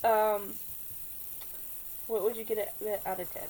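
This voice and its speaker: A woman co-hosting a laid-back game review, chatting easily and often breaking into laughter. Her voice sits at an ordinary middle pitch. A steady layer of background noise runs under the recording. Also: a little slow. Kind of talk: casual chat. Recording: noisy background hiss.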